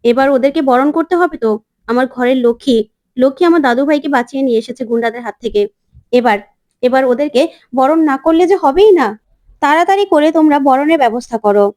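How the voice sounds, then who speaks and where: A woman's voice: sits high, quick pace, a little mellow, natural voice. A woman voicing a kindly old grandfather who speaks firmly to his family. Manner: firm, reasoning.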